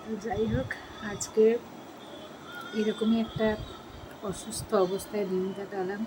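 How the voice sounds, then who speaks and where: A woman vlogger who is hoarse from a sore throat, talking casually with effort in a weak, breathy voice. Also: medium pitch, flat delivery, measured pace, background noise. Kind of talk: casual vlog voice-over.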